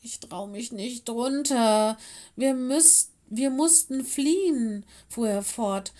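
A woman's voice: medium pitch, moderate pace, mellow, natural voice. A woman reading an audiobook, voicing a scared young male ice wolf who stammers and pleads through sobs. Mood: tearful pleading. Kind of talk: audiobook character voice.

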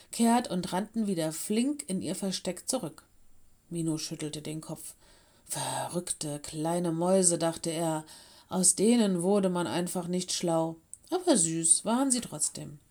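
A woman reading a children's story aloud in a calm, gentle storytelling voice. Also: mid-range voice.

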